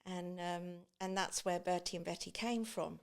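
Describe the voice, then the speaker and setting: A middle-aged woman with a gravelly, lowish voice speaks at normal speed in a steady tone. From Great Yarmouth, England, with an East Anglian accent, she appears on a podcast as a beach hut business owner, chatting about her life and voicing remembered remarks.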